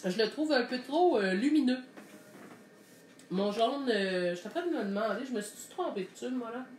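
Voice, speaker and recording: A woman with a Québécois French accent gives a live painting lesson in a fairly high voice. She talks her way through each color mix in a chatty, explanatory manner. The room around her sounds roomy and echoey. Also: animated, normal speed, a little mellow, slight background noise. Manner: thinks aloud while mixing paint, chatty and explanatory. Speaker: painting teacher.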